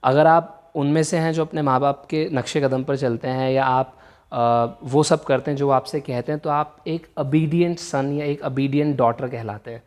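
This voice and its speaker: Man teaching words slowly. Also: medium pitch, steady tone, darkish tone. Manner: explains slowly, repeats words carefully, switches between Hindi and English. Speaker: English teacher. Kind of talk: bilingual vocabulary lesson.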